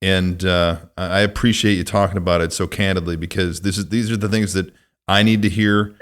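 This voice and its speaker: Guy hosting a podcast, lowish voice, easygoing, lots of uh's. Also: fairly even intonation, fairly quick, fairly bright tone. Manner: easygoing, appreciative, with frequent "uh" fillers. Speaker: podcast host. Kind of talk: casual podcast conversation.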